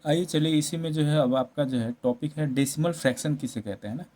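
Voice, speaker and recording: Fairly high-pitched and warm, this man's voice moves briskly through a classroom-style maths lesson. He explains each step in Hindi mixed with English numbers, often tacking on tag questions to check understanding.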